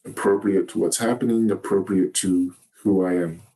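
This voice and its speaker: A man giving a Zen dharma talk, gentle and halting, often pausing to search for words. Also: sits low, steady tone. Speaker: Zen teacher. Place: meditation hall.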